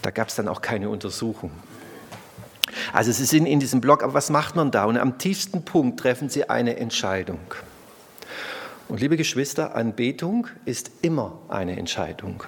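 A man preaching a conversational sermon, swinging between loud emphatic bursts and soft, low passages, often adding little tag questions. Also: lively intonation, moderate pace, breathy edge. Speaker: pastor. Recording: long reverb of a large hall.

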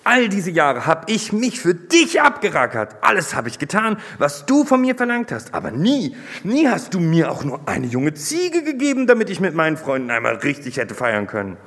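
A man's voice: on the high side, huge pitch swings, normal speed, few pauses, fairly bright tone, in a large hall, voice pushed up, heavily acted. A man voicing a bitter, resentful young elder brother from a Bible story, indignant and raised.

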